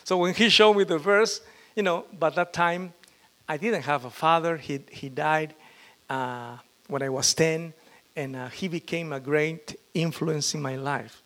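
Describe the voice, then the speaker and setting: Middle-aged pastor, fairly high for a man, halting, full of restarts. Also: steady tone, pushed and bright. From Peru. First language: Spanish. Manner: halting, with frequent fillers and restarts. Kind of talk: testimony sermon.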